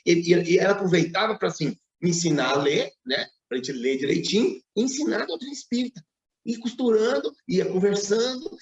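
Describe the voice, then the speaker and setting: A man's voice: on the high side, darkish tone, reverberant, muffled recording. A Brazilian man giving a spiritist public lecture, telling a story with frequent asides and tag questions. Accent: Brazilian Portuguese. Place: lecture hall.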